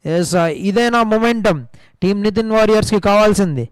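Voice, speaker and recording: A man with an Indian accent giving excited, emphatic live cricket commentary. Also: high-pitched, a little fast, clear, resonant tone, no echo. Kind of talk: live cricket commentary mixing Telugu and English.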